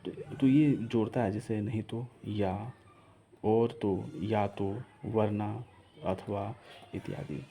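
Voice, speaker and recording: A man teaching a grammar lesson, asking questions and answering them himself and slowly repeating lists of example words. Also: fairly low pitch, steady tone, gravelly, dark tone. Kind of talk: classroom-style grammar lesson.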